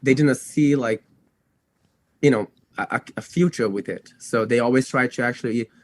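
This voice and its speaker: Here a young Brazilian man whose first language is Portuguese shares his story informally as a podcast guest, drawing on his work as a dog trainer. He has a mid-range voice and a moderate pace, and he rambles, fixes his own words as he goes, and says "you know" and "like" a lot.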